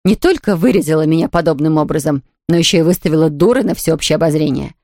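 A woman's voice: deep voice, fast talker, darkish tone, no echo. A prim, easily offended aunt, as a woman reader plays her in an audiobook, grumbling with indignation. The voice is dry and close to the mic. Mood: indignant. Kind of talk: audiobook character reading.

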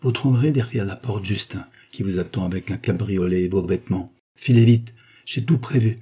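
A man's voice: low voice, normal speed, warm tone, breathy edge. A man voicing a doomed aristocratic count, speaking with courtly, earnest declamation. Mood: urgent. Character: doomed aristocratic male count, gracious and composed.

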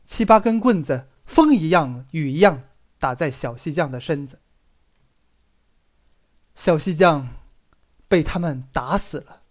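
This audiobook reader takes a literary story a little slowly, leaving long pauses. The medium-pitched voice is expressive and storyteller-like, stressing the dramatic moments.

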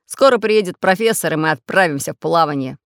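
A woman voicing a friendly male iron craftsman who welcomes guests in a raised, lively voice. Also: on the low side, a little fast, no room sound, studio quality. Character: kind tinkering iron craftsman man.

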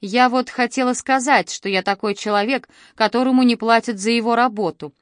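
A woman's voice: on the high side, a little fast, no room sound, clean studio sound, lightly acted. A woman voicing a timid, flustered young female tutor who speaks hesitantly. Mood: unsure. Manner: hesitant, quiet.

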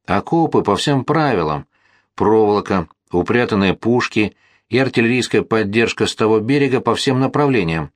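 A man's voice: on the low side, animated, normal speed, dry recording, clean studio sound, natural voice. A man doing a slurring, half-deaf old colonel. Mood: shouting. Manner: slurring, shouting. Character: exhausted half-deaf male artillery colonel.

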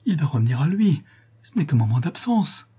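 A man's voice: mid-range voice, moderate pace, dark tone, husky, natural voice. A man voicing a desperate young woman in an audiobook, crying out in anguish. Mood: pleading. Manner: pleading, anguished cries. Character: desperate young woman, daughter of a ruined artisan. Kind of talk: audiobook character reading.

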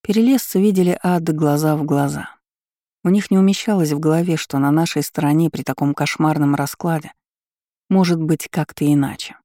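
Calm woman reading a fantasy audiobook. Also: sits low, fairly quick, no room sound, clean studio sound. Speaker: audiobook narrator.

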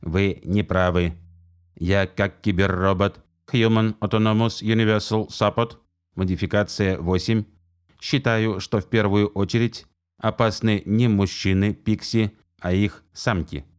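This is a prim robot nanny with a metallic, mechanical voice, done by a man reading a story aloud. He speaks low and slow, evenly and without hurry. He recites facts like a technical manual, literal and exact. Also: fairly even intonation, smooth, close to an everyday voice. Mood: flat, matter-of-fact. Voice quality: metallic, measured robotic delivery. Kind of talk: audiobook reading.

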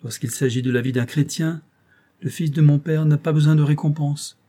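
A man voicing a brave young sailor who speaks calmly and curtly, in a husky, warm voice. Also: on the high side, moderate pace, voice pushed up. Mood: calm, firm. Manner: calm, dry and brief.

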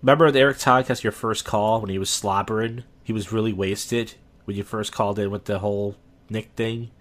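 Man, low-pitched, rambling podcast host, lots of likes and uhs. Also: fairly even intonation, a little fast, a bit bright. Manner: rambling, many fillers and restarts. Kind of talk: casual podcast chat.

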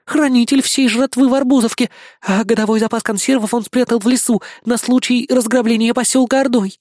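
A man voicing a sly little boy mouse scout with a squeaky, wheedling voice for a children's fantasy audiobook. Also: fairly even intonation, a little mellow, no room sound, studio quality. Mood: squeaking. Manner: squeaky, wheedling pleading and fast-talking boasts.

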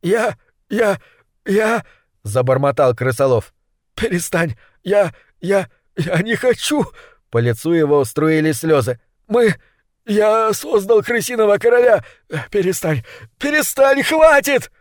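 A man's voice: high-pitched, lively intonation, unhurried, dry recording, pitched above the performer's own voice. A man playing a cowardly ratcatcher in a storybook, stammering and blubbering in a raised, thin voice. Recorded close and dry, with no room around it. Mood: wailing panic. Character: panicky lying male ratcatcher, cowardly.

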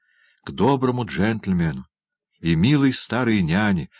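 A man's voice: lowish voice, sing-song, measured pace, darkish tone, no room sound. A man voicing a grateful, earnest young orphan boy who speaks with eager feeling. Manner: eager, heartfelt.

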